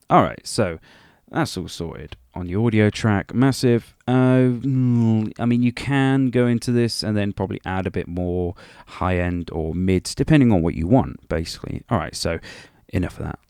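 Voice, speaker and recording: A man rambles through an informal music production software tutorial, chatty and self-deprecating. His fairly low, darkish voice moves at a moderate pace, recorded cleanly in a studio with no echo.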